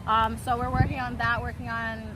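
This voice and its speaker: A woman chatting casually as an interview guest over food, halting often with fillers and repeated words. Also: a little high, level tone, background noise.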